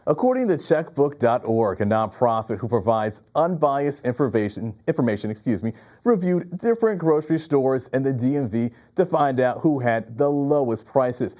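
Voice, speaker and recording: Man, American accent, news anchor, scripted reading, mellow tone, mid pitch. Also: lively intonation, moderate pace, few pauses.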